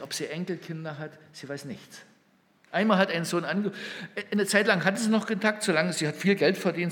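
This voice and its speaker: Higher-voiced preacher in a reverberant hall. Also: male voice. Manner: emotional storytelling, swings between loud calls and near-hushed asides. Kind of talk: sermon. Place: hall with a gathered audience.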